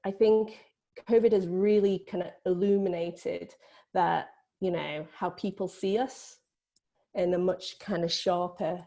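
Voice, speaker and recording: On a panel, this Vietnam-born, British-raised film producer reflects informally, hedging her words with frequent "you know" and "kind of." Her voice is lowish, steady, and dark, with vocal fry and a measured pace.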